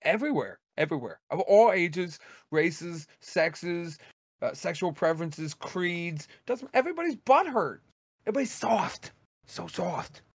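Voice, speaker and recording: A high-pitched man holds forth on a podcast in a blunt, profane ranting manner. His voice sits close and dry on the mic, with no room sound around it. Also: very animated, measured pace, no echo. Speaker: podcast co-host. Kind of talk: casual podcast rant.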